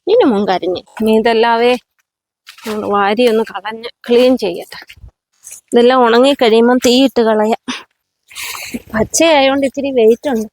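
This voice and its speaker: A woman with a slightly raised voice talks casually to her viewers while doing yard work. She chats to them as friends as she pulls plants and clears the ground. The sound is from an outdoor home yard, picked up on a handheld camera. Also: on the high side, fairly even intonation, moderate pace, pauses often, a little mellow, low-quality recording. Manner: chatty, addresses viewers as friends. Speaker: vlogger. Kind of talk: casual chat while gardening.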